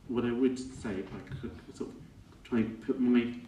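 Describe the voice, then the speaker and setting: A middle-aged man giving an informal funeral speech as a son, halting and reflective, often correcting himself as he goes. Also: mid-range voice, fairly even intonation, warm tone. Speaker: son giving a eulogy for his father. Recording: echoey room, distant mic, faint noise.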